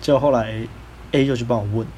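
A quick, animated man with a Taiwanese Mandarin accent, casually recounting a story as a podcast host. He slips into voices for the people he quotes, and his voice sits in a mid range over a faint hiss of room ambience. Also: mid-range voice.

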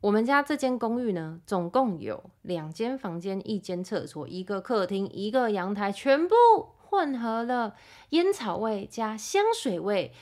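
A woman hosting a podcast, telling a story in a casual, exasperated rant and acting out the lines of the people in it, with English words mixed in. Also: mid-range voice. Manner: exasperated, animated retelling with mimicked dialogue. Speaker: podcast host. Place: lives in Rome.

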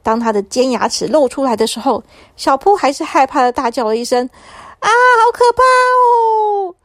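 A woman's voice: a little high, fairly quick, no echo, studio quality. Woman telling a children's story. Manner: warm, soothing storytelling.

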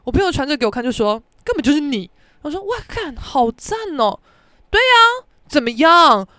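Brash high-voiced Taiwanese woman. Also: big pitch swings, a little fast, no room sound, studio quality. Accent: Taiwanese Mandarin. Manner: brash, profane, dramatic, shouts out reenacted quotes. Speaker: podcast host. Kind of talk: casual storytelling monologue.

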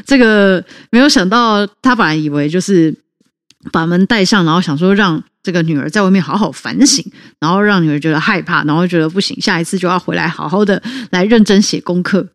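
A woman's voice: lowish voice, quick pace, no echo, studio quality. A woman with a Taiwanese Mandarin accent, co-hosting a podcast and telling a childhood story in a chatty way with many fillers. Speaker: podcast co-host.

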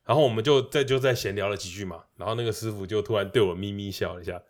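A man's voice: fairly low pitch, rapid-fire. A man telling a story in casual podcast chat, laughing often and acting out the people he quotes. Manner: animated, laughing storyteller who acts out quotes. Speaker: podcast host.

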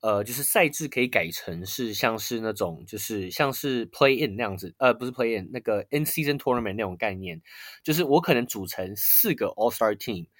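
A man's voice: fairly low pitch, animated, a little fast, fairly bright tone, no echo, clean studio sound. Tentative man thinking aloud. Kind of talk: casual sports chat.

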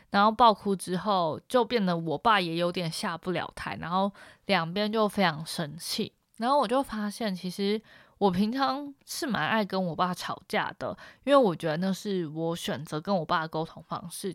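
A young woman with a Taiwanese Mandarin accent, hosting a podcast and frankly telling a personal story in a casual, animated monologue. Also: lowish voice, no room sound, clean studio sound. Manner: frank, animated retelling with emphatic repetition. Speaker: podcast host.

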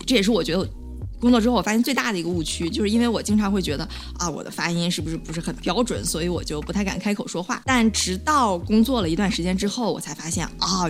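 Young woman from China, vlogger, fast and chatty, code-switches, soft music bed. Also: medium pitch, animated. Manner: chatty, laughs often, mixes in English words. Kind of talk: casual chat.

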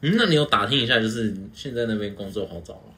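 A man's voice: on the low side, animated, fast talker, pushed and bright. A young man chatting casually in a group, with chatter behind him. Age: young adult.

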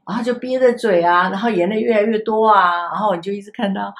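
An older woman with a Taiwanese Mandarin accent, a grandmother and former kindergarten teacher, chatting on a podcast and gently acting out how she talks to children. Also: mid-range voice, quick pace. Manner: gentle, repeats herself, acts out soft talk to children. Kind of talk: casual podcast chat.

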